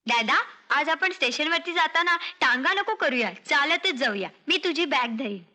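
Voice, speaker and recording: A woman's voice: high-pitched, lively intonation, normal speed, bright, forceful tone. An eager little boy. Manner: eager, pleading. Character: eager little younger brother.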